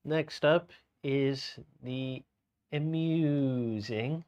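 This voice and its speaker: A man working as a bingo caller and host, announcing each item in a measured way with spaced-out names. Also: medium pitch, a little mellow, smooth.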